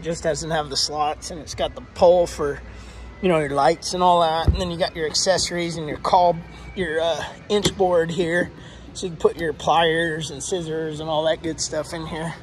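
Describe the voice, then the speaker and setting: A man casually filming a first-person walkthrough vlog in a large indoor boat showroom, talking in an excited, exclaiming, chatty way. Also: a little high, slight background noise. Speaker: fishing vlogger touring a boat.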